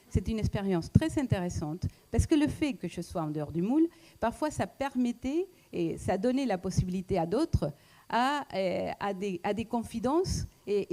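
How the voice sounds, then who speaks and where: A woman with a foreign accent giving a reflective public talk, pausing often with fillers and restarts. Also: medium pitch, dark tone. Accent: foreign accent in French. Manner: hesitant, many fillers and restarts. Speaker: speaker at a talk, economist.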